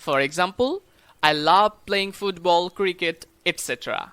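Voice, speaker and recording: An English teacher gives a pronunciation lesson, saying each example word slowly and carefully. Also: mid-range voice, a bit bright, clean tone, no echo. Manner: slow, carefully spelled-out example words.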